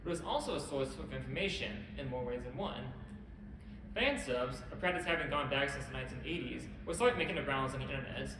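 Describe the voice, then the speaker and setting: A man hosting a convention panel, presenting a history talk in a brisk, wry way with occasional self-corrections. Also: mid-range voice, animated. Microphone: camera at a distance. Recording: echoey hall, distant camera, background hum.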